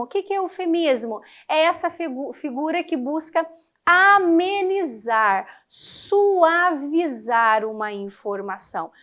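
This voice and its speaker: A high-pitched Brazilian woman teaches a class in a lively, emphatic way. She keeps asking her students whether they follow along. She sounds middle-aged. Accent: Brazilian Portuguese. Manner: lively, emphatic, checks in with listeners often. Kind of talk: classroom lecture on figures of speech.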